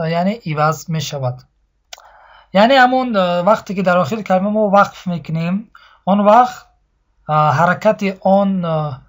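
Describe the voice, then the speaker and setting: High-voiced Tajik Persian teacher explaining. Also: male voice. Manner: explains slowly, repeats example words and asks the class questions. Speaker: Quran recitation teacher. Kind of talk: classroom lesson on tajweed pausing rules.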